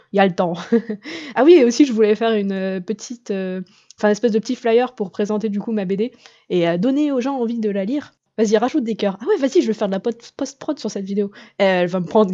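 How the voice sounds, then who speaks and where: Rambling, chatty woman vlogger, mellow tone. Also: mid-range voice, muffled recording. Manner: rambling, chatty, lots of fillers and self-corrections; jokey, self-deprecating. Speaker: YouTuber and comic artist. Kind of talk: casual vlog addressed to the viewer.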